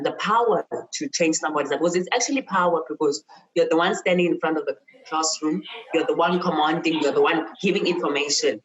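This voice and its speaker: A middle-aged woman with a South African accent, a university chemist and lecturer, speaks as an interview guest in a reflective, personal way. Earnest and emphatic, she repeats phrases for stress, her low voice coming through with lo-fi sound.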